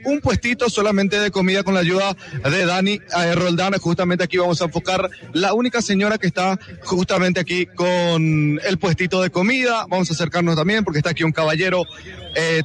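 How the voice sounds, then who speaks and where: A man's voice: high-pitched, steady tone, a bit bright. A man, a radio field reporter describing the scene outside a stadium live. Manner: brisk, on-the-spot description.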